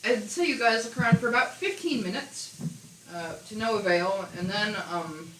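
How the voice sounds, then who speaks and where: A woman's voice: medium pitch, normal speed, a bit bright. Chatty young woman game master. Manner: chatty, loose, lots of fillers. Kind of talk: casual tabletop narration. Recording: echoey room, background noise.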